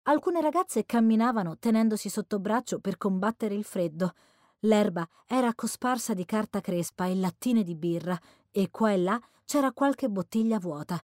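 A woman narrating a first-person novel in a measured audiobook delivery. Her pitch moves lively through the sentences while the sound stays dry and close, with no room echo. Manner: measured storytelling. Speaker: audiobook reader.

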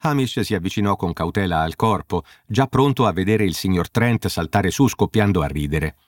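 Male narrator, audiobook reading, low voice, lively intonation, dry close sound. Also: normal speed, dry recording. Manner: expressive.

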